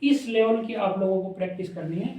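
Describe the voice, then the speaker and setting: A man's voice: sits high, brisk, darkish tone. A man teaching a shorthand lesson, repeating sounds aloud as he draws strokes. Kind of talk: classroom lesson. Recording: echoey room from a distant mic, dull.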